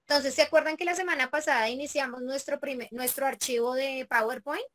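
A woman's voice: high voice, fairly even intonation, brisk, a bit bright. A woman teacher leading a class step by step, patient and checking in with the students often. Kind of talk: remote class walkthrough.

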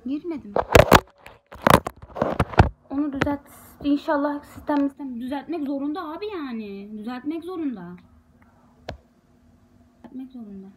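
A woman's voice: high-pitched, normal speed, long pauses, noisy background. A young woman, a university student, chatting casually to her viewers in a frustrated, rambling way. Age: young adult. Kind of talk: casual vlog talking to viewers.

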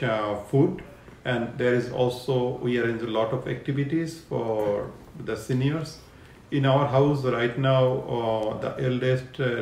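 Middle-aged man from Bangladesh, halting interview answers, mid pitch, roomy echo. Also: slight background noise. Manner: halting, many fillers and restarts. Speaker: care home owner. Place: living room, seated on a sofa.

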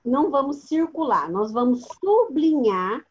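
A woman's voice: high voice, sing-song, measured pace, dull audio. A woman teaching a primary school class over a video call. She asks her pupils patient questions and calls on them by name. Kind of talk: online class instruction.

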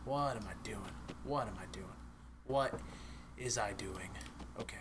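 A man commentating his own video game play, excitable and swearing, dropping to whispers and jumping to yelps. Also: lowish voice, measured pace, music in the background. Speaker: gaming YouTuber.

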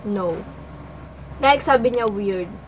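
A woman's voice: mid-range voice, slow pace, a little hiss or hum, poor audio. A young adult woman vlogging casually with a stuffy cold, reading comments aloud and firing back playful, teasing comebacks, sometimes while eating. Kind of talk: casual vlog reacting to comments.

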